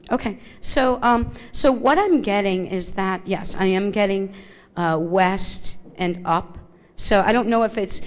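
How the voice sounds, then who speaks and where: A woman working as a psychic medium before a live audience, speaking into a handheld microphone in a small theater, thinking aloud with many restarts. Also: mid-range voice.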